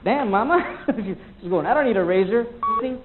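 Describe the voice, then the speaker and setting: A man's voice: sits high, expressive, moderate pace, noisy background. A man performing a stand-up comedy set, rambling and loose, acting out little sound effects and voices. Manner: rambling, loose delivery, mimics sounds and people. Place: comedy club stage. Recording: lo-fi VHS tape recording.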